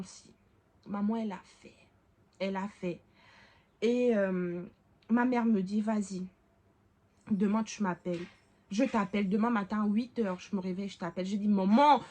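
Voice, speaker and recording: A young woman vlogger telling a personal story in casual chat, emphatic and laughing often. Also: a little high.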